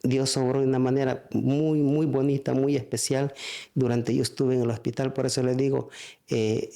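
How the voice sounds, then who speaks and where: A man giving a spoken church testimony, halting, with frequent restarts and fillers. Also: medium pitch, flat delivery, gravelly, dark tone.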